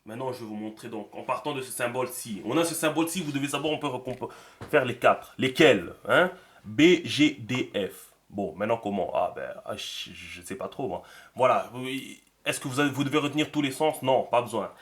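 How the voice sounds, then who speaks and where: A man's voice: mid-range voice, fairly quick. A man teaching a writing system in a screen-recorded tutorial, thinking aloud as he draws and dropping many fillers. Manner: talks to himself while writing, many fillers. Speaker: teacher of a script.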